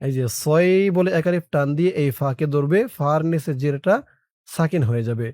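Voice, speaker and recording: A man teaching Quran recitation in a lesson. He spells out letters and vowel marks slowly, then chants the verses in long drawn-out tones. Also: on the high side, mellow, no echo, studio quality. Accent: Bangladeshi Bengali.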